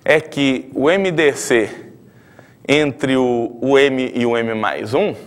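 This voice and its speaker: Brief: middle-aged Brazilian math professor, mid-pitched, explains at the board and thinks aloud. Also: male voice, slow. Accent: Brazilian Portuguese. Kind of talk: blackboard math lecture.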